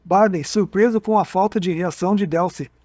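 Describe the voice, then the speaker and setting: A man narrating a nonfiction account in an even, steady reading voice. His pitch sits on the high side for a man, and the recording is dry and close. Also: fairly quick, no room sound. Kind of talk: reading a nonfiction book aloud.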